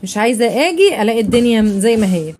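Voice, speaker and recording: Woman doing a bossy egyptian mom, talks fast, nags the oldest girl nonstop, slightly higher voice. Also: expressive, a little mellow, a little hiss or hum, lightly acted. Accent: Egyptian Arabic. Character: strict hard-working mother scolding her eldest daughter. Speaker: mother in a family skit.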